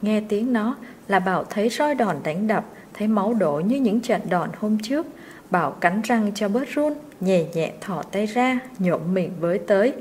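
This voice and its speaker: A woman storyteller reading a short story aloud in a steady, expressive way. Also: mid-range voice, normal speed, a little hiss or hum.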